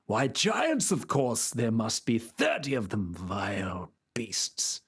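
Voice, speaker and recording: A man's voice: medium pitch, huge pitch swings, measured pace, breathy edge, full character voice. A man voicing Don Quixote, a deluded, grandiose old knight, speaking in a formal, theatrical way. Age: older.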